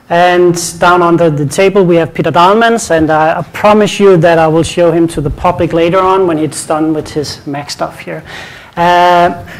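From a conference stage, a Danish man presents a technical session in his Danish accent, his voice sitting fairly high for a man. He keeps things casual, often repeating words and slipping in light jokes. The recording is rough.

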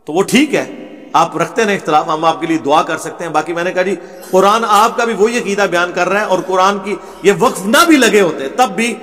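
Male religious lecturer, high voice, long hall reverb, recites then explains. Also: fairly bright tone. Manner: recites Arabic verses slowly, then explains them in conversational Urdu; argumentative, tells anecdotes. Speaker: religious scholar.

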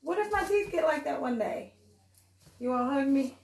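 High-voiced young woman in an echoey room. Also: expressive, normal speed, a little mellow, distant mic. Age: young adult. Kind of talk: casual playful vlog chat. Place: small room at home. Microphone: camera set a few feet away. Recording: echoey room, off-mic, faint noise.

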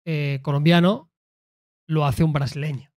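A man from Spain co-hosting a casual podcast, animated and argumentative. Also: on the high side, unhurried. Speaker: podcast co-host. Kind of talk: casual chat.

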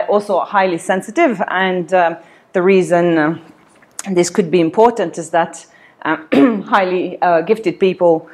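A woman from Switzerland giving a seminar talk in a meeting room, with many ums and uhs, filmed by a camera across the room. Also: fairly low pitch. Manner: many fillers, hesitant, laughs often. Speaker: seminar speaker. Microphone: far camera.

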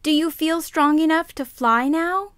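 A woman voicing a kind, timid little girl in a children's puppet show, sweet and deliberate. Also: sits high, a bit bright, no echo.

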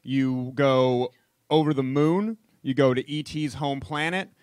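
A man's voice: mid-range voice, unhurried, darkish tone, clean tone, dry recording. A young man telling a funny personal story on stage to a live audience, casual and wry. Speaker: storyteller comedian. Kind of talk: stand-up storytelling.

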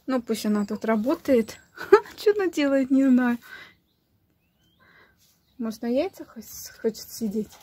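A woman casually vlogging outdoors from her garden and chicken yard, unhurried and searching for words, cooing fondly at her hens. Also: fairly high pitch, animated, a little mellow. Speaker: village vlogger. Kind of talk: casual walk-and-talk vlog.

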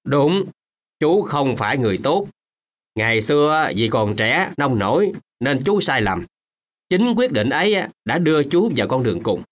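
An actor playing a kindly, remorseful old man in a radio drama, gentle at times and firmly scolding at others. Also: mid-range voice, sing-song, normal speed, close to an everyday voice. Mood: stern. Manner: gentle, then firm and scolding.

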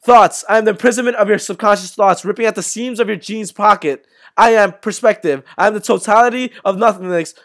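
A young man with a fairly high voice performs spoken word poetry. His delivery is intense and rhythmic. He is recorded through an earphone mic on a webcam in a small bedroom. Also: a little fast. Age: young adult.

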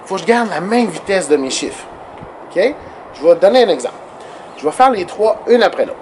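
A man's voice: high-pitched, very animated, brisk, darkish tone, slight background noise, rough recording. A man teaching a children's music lesson outdoors, counting beats aloud as he bounces a ball.

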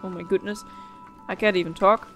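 A woman's voice: medium pitch, fairly even intonation, fairly quick, soft background music. Rambling young woman gamer. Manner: rambling, reactive. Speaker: gaming let's player. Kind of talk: casual playthrough commentary.

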